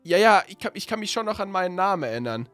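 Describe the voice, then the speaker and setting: A man with a fairly high voice plays himself in a Minecraft story. He talks in loose, slangy chat and often sounds confused, stopping and restarting his sentences. Soft music plays quietly behind him. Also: very animated, quick pace, no room sound. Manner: slangy and casual, often asking what is going on. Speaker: YouTuber playing his own character in a Minecraft story. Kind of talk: role-played Minecraft story with casual chat.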